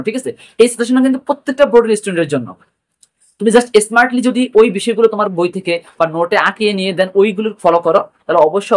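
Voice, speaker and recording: A man with a Bangladeshi accent teaching an exam prep lesson, repeating key points and mixing in English words. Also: sits high. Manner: rapid, repetitive, mixes English words.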